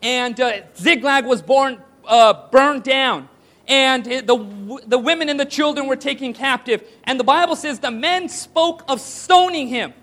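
A man's voice: very high voice, measured pace, fairly bright tone. A man preaching a sermon to a congregation, asking rhetorical questions and calling for responses. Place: church hall with audience.

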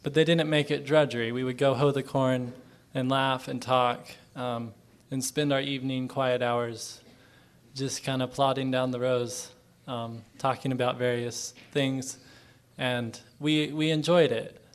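A man in his twenties from Oklahoma talks about his upbringing in an earnest, thoughtful tone. He pauses often and uses fillers as he gathers his thoughts. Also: mid-range voice, level tone. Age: 20s. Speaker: panelist, young farmer. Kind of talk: personal panel answer.

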